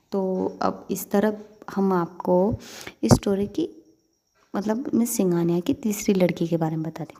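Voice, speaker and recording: A woman's voice: mid-range voice, creaky, mellow. A young woman narrating a story casually, chatty with many fillers, talking to her listeners.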